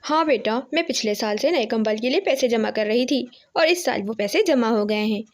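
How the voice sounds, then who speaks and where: A woman's voice: a little high, expressive, moderate pace. A woman voicing a caring, firm mother sparrow. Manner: reassuring, firm.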